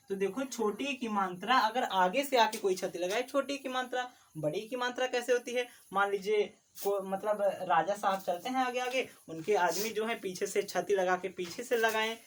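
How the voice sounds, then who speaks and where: A man teaching a Hindi basics lesson. He repeats syllables over and over, asks questions and answers them himself, and says some sounds forcefully and others softly. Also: sits high, moderate pace, few pauses, recorded from a distance, a little hiss or hum. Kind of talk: classroom lesson on vowel marks.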